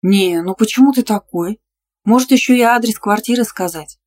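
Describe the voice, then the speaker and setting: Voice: mid-range voice, normal speed, a little mellow, a little hiss or hum, pitched above the performer's own voice, lightly acted. A narrator voicing a sassy, cheeky young female student in an audiobook, bantering and indignant. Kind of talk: audiobook dialogue reading.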